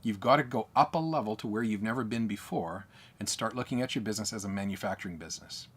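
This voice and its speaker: A man's voice: on the low side, fast, a little hiss or hum. An Australian man coaching business owners, talking emphatically and repeating his points. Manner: emphatic, repetitive, lecturing. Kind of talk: speaking to camera.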